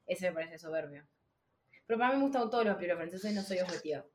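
Fast-talking Rioplatense woman in an echoey room. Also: on the low side, a little hiss or hum. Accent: Rioplatense Spanish. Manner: fast, animated, swearing, lots of fillers. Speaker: podcast host. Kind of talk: casual chat.

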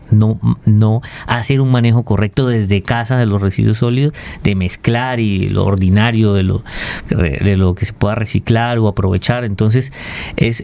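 A Colombian man with a mellow, mid-range voice appears as an interview guest and waste treatment expert. He explains technical matters informally, hesitating and repeating words as he goes.

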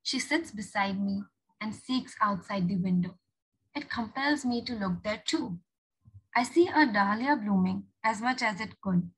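A woman narrating a short story aloud in an expressive, animated manner. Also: medium pitch, unhurried, husky, poor audio.

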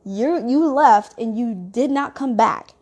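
A woman's voice: on the high side, slow. A woman telling a story in a casual, rambling way, swearing freely. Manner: profane, rambling, animated storytelling.

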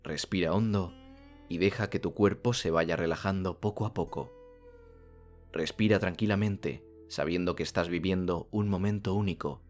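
A man from guides a sleep relaxation in the manner of a sleep story narrator. His delivery is calm and soothing, with long pauses between phrases. Soft music plays behind him. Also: low voice.

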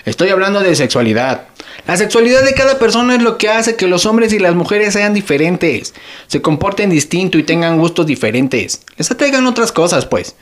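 A man's voice: high voice, very animated, moderate pace. A man playing a joking Mexican dad. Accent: Mexican Spanish. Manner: joking, exaggerated whining. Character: joking middle-aged Mexican father, hungry and teasing. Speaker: father. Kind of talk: sketch acting.

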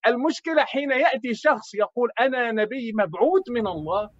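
A man's voice: very high voice, expressive, a little fast, no echo, dull audio. A man making a dismissive, argumentative case in a debate.

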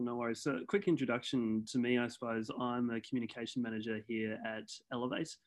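A man speaking as a communications manager and guest on a webinar, measured and restarting his sentences often. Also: mid-range voice. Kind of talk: explaining on a webinar. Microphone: video call.

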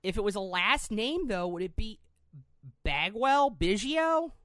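Man, casual podcast chat, lively up-and-down pitch, dry close sound, repeats words. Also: measured pace, no room sound. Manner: animated, repeats words while thinking. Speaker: podcast co-host.

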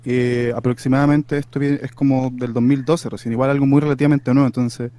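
A young man with a Chilean accent co-hosting a podcast, rambling and halting, playfully insistent. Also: mid-range voice, little pitch movement, warm tone. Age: young adult. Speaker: podcast co-host. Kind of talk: casual comedic chat.

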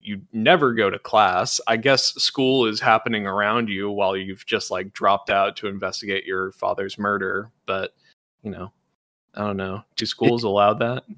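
Rambling low-voiced male podcast host. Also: fairly even intonation, normal speed, sharp tone, no echo, studio quality. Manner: rambling, heavy use of "like" and "uh"; leads the discussion with questions. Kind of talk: casual chat.

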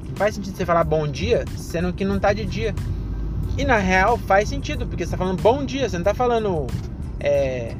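A man's voice: high-pitched, lively intonation, a little fast, over music. A sleepy man with a São Paulo state accent hosts a casual solo podcast, rambling in slangy, self-deprecating jokes, recorded on a handheld phone inside a moving car. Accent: São Paulo state Brazilian. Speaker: podcast host and comedian. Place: inside a car while driving.

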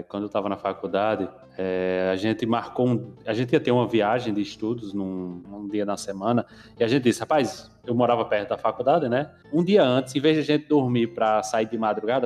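A man's voice: mid-range voice, in a large hall. A young man with a Brazilian Portuguese accent chatting casually, telling stories with slang and swearing. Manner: slangy, swearing, animated storytelling. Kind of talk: casual chat.

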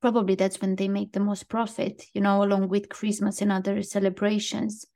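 A woman's voice: mid-range voice, flat delivery, a little fast, dark tone. Woman co-hosting a chatty podcast. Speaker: podcast co-host. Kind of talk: casual podcast chat.

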